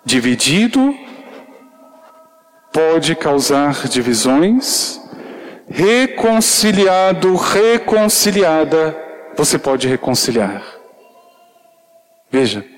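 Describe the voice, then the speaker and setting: A man's voice: fairly high pitch, sing-song, very slow, long pauses. A male preacher giving an earnest sermon, speaking intimately to the congregation with shy, self-deprecating humor.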